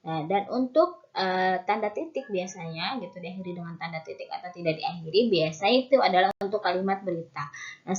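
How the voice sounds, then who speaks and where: Patient woman teacher, slightly dull audio. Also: medium pitch. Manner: patient, repeats key terms, many fillers. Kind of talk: online lesson explaining to students.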